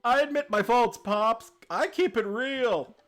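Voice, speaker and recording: A man voicing a sarcastic teenage girl in her last year of high school, teasing her dad with deadpan quips in a game playthrough. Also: unhurried, soft background music. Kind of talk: playthrough voice acting.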